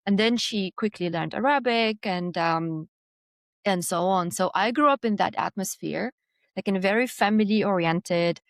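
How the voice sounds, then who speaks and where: A woman from Jordan looks back on her childhood as an interview guest, mid-pitched and unhurried, pausing often with small fillers and restarts. The recording is close and dry, with almost no room sound. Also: no room sound. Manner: reflective, hesitant with many fillers and restarts. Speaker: design executive guest. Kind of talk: conversational interview storytelling.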